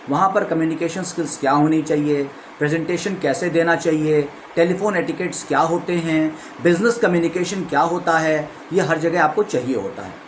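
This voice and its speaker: A man's voice: a little high, slight background noise, rough recording. Indian man teaching with demonstrations. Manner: explanatory, demonstrates phrases with varied stress. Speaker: spoken English trainer. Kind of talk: course overview lesson.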